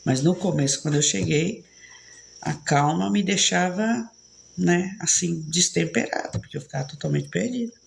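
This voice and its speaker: Host in her fifties with a São Paulo-Bahian blend, very gravelly, chatty and rambling, tossing in tag questions. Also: lowish voice, moderate pace, a little hiss or hum. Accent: São Paulo mixed with Bahian. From São Paulo, Brazil. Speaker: live stream host reading viewer comments. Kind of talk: casual chat.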